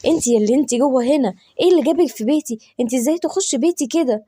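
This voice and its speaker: A woman's voice: high voice, rapid-fire, mellow, no room sound, clean studio sound. A woman voicing an indignant neighbor woman who speaks sharply, with an Egyptian accent. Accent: Egyptian Arabic.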